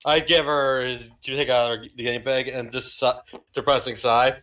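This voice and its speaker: A man's voice: medium pitch, fairly even intonation, moderate pace, a crowd in the background. A man playing a tabletop game, slipping between casual narration and his character's lines. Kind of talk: casual role-play chat.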